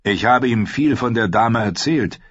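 A man's voice: medium pitch, lively intonation, unhurried, husky, no echo, voice pushed up. A man doing a hostile young knight. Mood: cold. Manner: accusing, sharp. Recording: dull, slightly lo-fi audio.

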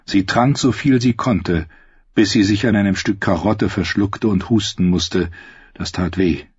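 A man reading a fantasy novel aloud in scripted narration, with a husky voice. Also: lowish voice, a little slow, a little mellow, no echo. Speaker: audiobook reader. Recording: slightly dull, dry audiobook recording.

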